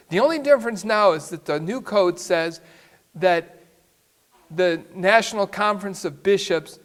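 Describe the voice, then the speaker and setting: A man, a priest, telling a story in a sermon with an emphatic way of speaking. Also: a little high.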